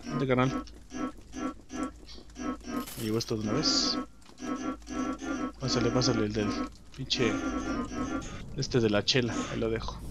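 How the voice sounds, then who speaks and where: A young adult man with a Mexican accent, commenting on his own gameplay in slangy, swearing chatter, shouting and taunting enemies. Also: mid-range voice, fairly even intonation, unhurried, pauses often. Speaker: gameplay streamer. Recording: music playing behind the voice.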